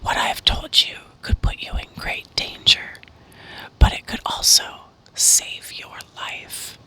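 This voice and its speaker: A woman narrating horror stories in a breathy ASMR whisper, reading deliberately with pauses. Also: sharp tone.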